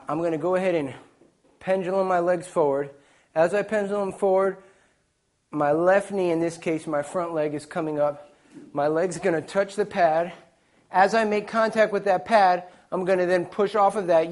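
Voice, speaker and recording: A man teaching a martial arts technique as an instructor, explaining it step by step in short phrases. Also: fairly high pitch. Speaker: taekwondo instructor, presenter. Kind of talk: instructional demonstration talk.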